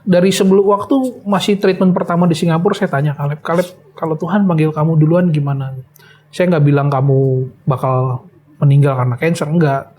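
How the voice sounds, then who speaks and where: A middle-aged man giving an emotional personal testimony in an interview, speaking hesitantly with many pauses. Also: a little high, fairly even intonation, darkish tone, slight background noise. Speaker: interview guest, bereaved father.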